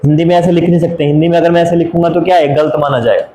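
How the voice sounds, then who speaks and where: Guy teaching map geography, drags out place names, bit higher voice, roomy echo. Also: fairly even intonation, rapid-fire, dark tone. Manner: keeps asking rhetorical questions; drawls and repeats place names. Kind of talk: map lesson for exam students.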